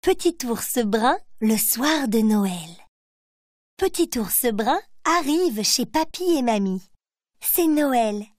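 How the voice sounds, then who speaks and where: A woman reads a children's picture-book story in short, gentle sentences. Her voice sits fairly high and moves slowly, recorded close and dry. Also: big pitch swings, dry recording. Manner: simple, gentle storybook reading. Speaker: narrator. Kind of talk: scripted children's story narration.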